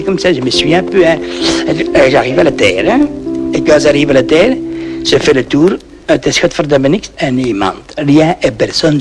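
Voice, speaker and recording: Male comedian as a Flemish peasant storyteller, high-pitched voice, rambling French full of "hein" and Dutch oaths, old vinyl with music. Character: boastful Flemish peasant man telling tall tales. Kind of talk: comic monologue in broken French. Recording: old 1960s record with music.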